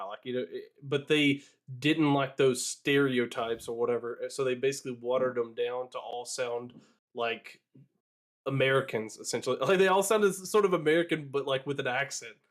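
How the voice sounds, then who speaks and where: A man co-hosting a casual live podcast, talking in a rambling, hesitant way. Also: mid-range voice. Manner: rambling, hesitant, many fillers and restarts. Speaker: podcast co-host.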